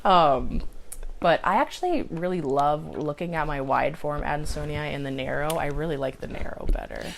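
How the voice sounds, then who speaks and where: A woman's voice: low-pitched, big pitch swings, moderate pace, creaky. An American woman chatting casually as a podcast host, telling stories with quoted asides. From United States. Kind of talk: casual chat.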